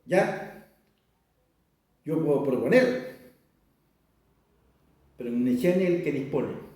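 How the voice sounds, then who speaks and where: A man's voice: medium pitch, animated, mellow. Older man in an echoey hall. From Chile. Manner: rambling, repeats words, slow deliberate stretches. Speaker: Mapudungun teacher. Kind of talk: informal class talk. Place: community cultural center. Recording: very echoey room, speaker far from mic.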